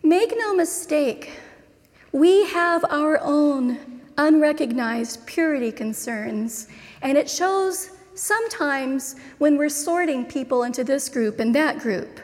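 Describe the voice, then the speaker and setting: Slow, high-voiced woman preaching in a hall. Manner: slow, deliberate preaching with measured pauses. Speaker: pastor. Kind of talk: sermon. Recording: long reverb of a large hall.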